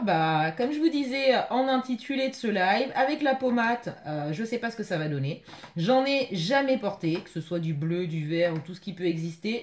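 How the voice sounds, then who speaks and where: A woman chatting casually with viewers on a live makeup stream, excitable and gushing, greeting people by name. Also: on the high side.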